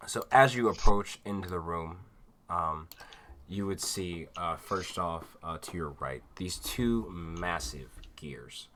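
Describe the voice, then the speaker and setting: A man's voice: sits low, slow pace, fairly bright tone, slight background noise. A man narrating a tabletop game as game master, casual and rambling with lots of fillers.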